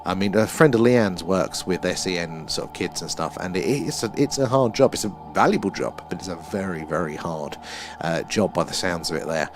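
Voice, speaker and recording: Male stream host, Essex accent, low register, loose conversational delivery, music underneath. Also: animated, normal speed. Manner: rambling, conversational, addresses viewers directly. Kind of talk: casual live stream chat and explaining.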